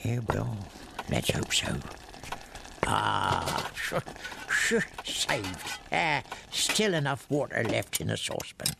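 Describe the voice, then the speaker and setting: An actor playing a very old, lonely widowed cobbler who chuckles often, in a radio drama with music underneath. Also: male voice, lowish voice, big pitch swings, slow, gravelly, heavy background noise, heavily acted. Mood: wistful. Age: older.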